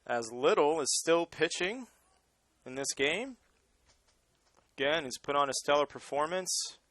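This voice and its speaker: A man's voice: a little high, lively intonation, unhurried, a bit bright, no room sound. A man with a Boston accent calling a baseball game live, mixing play-by-play with casual banter.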